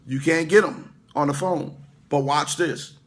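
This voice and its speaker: A man's voice: a little high, a little slow, a bit bright. A middle-aged male pastor giving an informal livestream sermon, talking straight to his viewers with lots of restarts and asides. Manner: conversational, stammering restarts, talks to viewers in comments. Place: indoor room away from his usual location.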